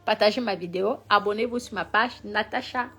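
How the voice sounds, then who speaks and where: A woman talks straight to her followers on a live stream. She is emphatic and repetitive, swinging from loud scolding to low mutters in a mid-pitched voice, with faint music playing underneath. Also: a little fast, husky. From Cameroon.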